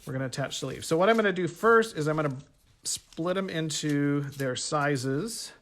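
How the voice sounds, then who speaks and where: Working at a table in his home art space, a male art instructor teaches a painting workshop at a moderate pace. His voice is slightly high and fairly bright; he chats casually, thinks out loud, and corrects himself.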